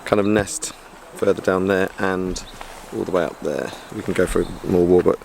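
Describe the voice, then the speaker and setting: A man's voice: deep voice, steady tone, moderate pace, vocal fry, darkish tone, a little hiss or hum. A man chatting casually on a travel vlog, laughing at himself, filmed outdoors and in a car. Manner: chatty, self-mocking, laughs often. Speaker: vlogger.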